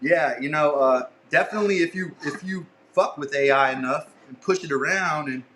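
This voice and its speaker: A man chats as a podcast guest in a loose, rambling way. His voice is bright and a little high. The room around him echoes, with faint noise underneath. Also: moderate pace. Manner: laid-back, rambling, says "man" and "you know" a lot. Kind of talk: casual podcast chat.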